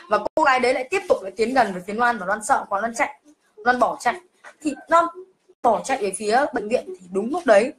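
A woman's voice: fairly high pitch, fairly bright tone. A young woman, emotionally telling her own ghost story on a live stream and calling herself by name. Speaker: livestreamer. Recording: faint background noise.

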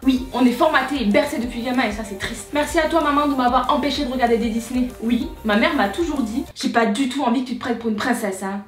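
A young woman ranting on her home vlog, brash, crude and self-mocking, breaking into loud outbursts. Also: high-pitched, echoey room, recorded from a distance. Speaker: youtuber. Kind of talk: comedic rant vlog. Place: at home on a sofa.

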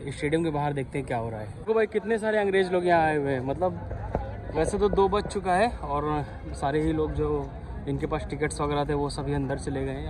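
A young man with a Lucknow Hindi accent, talking excitedly to viewers as he walks around with a handheld camera. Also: on the high side, low-quality recording. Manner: excited, chatty, calls viewers bhai. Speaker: vlogger. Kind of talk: walking vlog, handheld. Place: outdoors by a stadium and in a crowded ticket hall. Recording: handheld camera amid loud crowd. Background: crowd and traffic noise.

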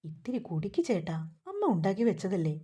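A woman's voice: lowish voice, big pitch swings, brisk, dark tone, slightly rough. A woman voicing a pert teenage younger sister who pleads and complains in a family story.

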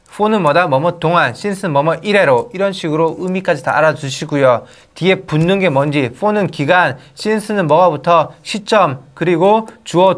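A man's voice: a little high, a bit bright. Korean man teaching English grammar. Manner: rhetorical questions to students, bursts of emphasis; slow, careful reading of English example sentences. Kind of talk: online grammar lecture.

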